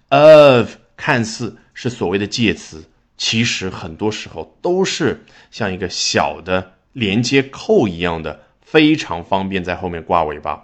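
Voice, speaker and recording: A man's voice: fairly low pitch, fairly bright tone. A man teaching English vocabulary and sentence structure in a recorded lesson, explaining patiently and asking rhetorical questions as he goes.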